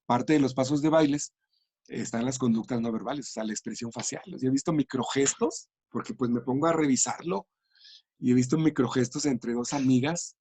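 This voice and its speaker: A man's voice: mid-range voice, brisk, darkish tone, husky, no room sound. A man explaining language and communication in an interview, thoughtful and full of small restarts. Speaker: education and language researcher.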